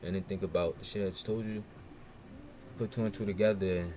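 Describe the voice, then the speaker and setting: A young man, co-hosting a casual podcast and telling stories in a relaxed, slang-heavy way. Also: low voice, fast talker. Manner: laid-back slang-heavy storytelling. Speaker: podcast co-host. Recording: noisy room ambience.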